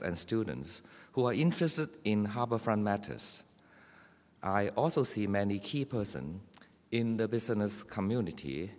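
Formal low-voiced man at a podium. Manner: measured, formal delivery. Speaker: moderator. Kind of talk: formal welcome speech. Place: large conference hall. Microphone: podium microphone. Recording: long hall reverb.

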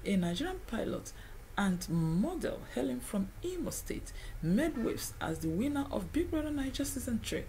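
A woman's voice: fairly high pitch, a little mellow, a little hiss or hum, poor audio. A woman narrating a scripted entertainment news report. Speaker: news presenter.

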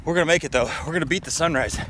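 A man's voice: fairly high pitch, very fast, noisy background. A man in his thirties giving casual, motivational vlog commentary while running outdoors, out of breath, into a handheld phone. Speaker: running vlogger and host. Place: outdoors on a paved hillside trail, windy. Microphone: phone held at arm's length.

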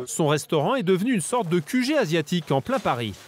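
Lively high male documentary narrator. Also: fast talker, noisy background. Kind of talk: scripted voice-over narration. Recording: voice-over with music bed.

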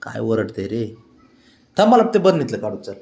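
A man's voice: on the low side, very animated, moderate pace, gravelly, darkish tone, slight background noise. A man casually talking to his pet cats at home, coaxing them with affectionate baby talk. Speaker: pet owner vlogger.

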